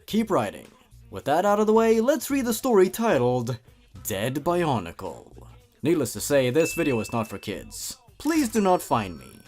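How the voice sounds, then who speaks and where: A man with a fairly high, a little mellow voice and huge pitch swings hosts a comedy video reading and commenting on horror fan fiction at a moderate pace. He shifts between dramatic narration and wry, sarcastic asides with theatrical emphasis, with faint music behind.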